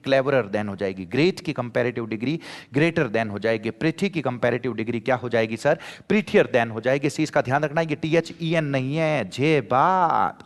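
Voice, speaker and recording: A man with a Rajasthani accent teaching an exam-prep grammar class, who poses his students' questions aloud and answers them himself, repeating each point as a drill. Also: mid-range voice. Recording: long hall reverb.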